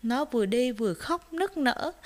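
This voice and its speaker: Woman storyteller for children: high, bright, slow and expressive.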